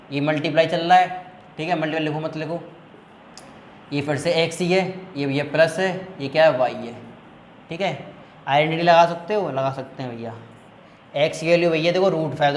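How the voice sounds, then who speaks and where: Man, maths tutor, fairly high voice, talks students through each step with frequent check-ins, echoey room. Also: a little hiss or hum. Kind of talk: classroom maths lesson.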